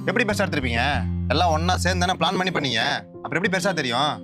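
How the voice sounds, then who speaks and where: A man's voice: fairly high pitch, animated, rapid-fire, natural voice. An actor playing a bitter, betrayed young man who speaks in a cold, cutting way. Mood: bitter angry. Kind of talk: drama dialogue. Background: music.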